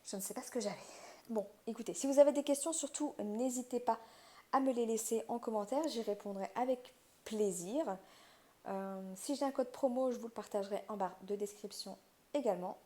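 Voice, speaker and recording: A woman's voice: fairly high pitch, fairly quick, warm tone. Chatty woman unboxing crafts. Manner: chatty, self-deprecating, laughs often. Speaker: crafting vlogger. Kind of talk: casual unboxing chat.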